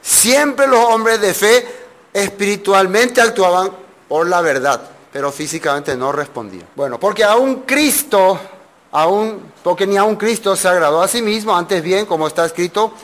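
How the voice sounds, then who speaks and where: A man's voice: high voice, unhurried, a bit bright. Questioning Bible-study preacher, man. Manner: asks the congregation questions and acts out quoted voices. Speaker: pastor.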